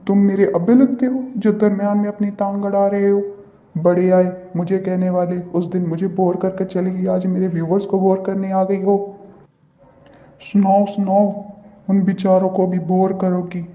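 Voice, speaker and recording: A man doing a cocky cartoon guy who brags and mocks, with a fairly high, flat, dark-toned voice. The sound is roomy and a bit dull, like a lo-fi home recording. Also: moderate pace, lightly acted. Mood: mocking. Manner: mocking, bragging. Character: boastful, teasing young man who calls himself handsome. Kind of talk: cartoon voice acting.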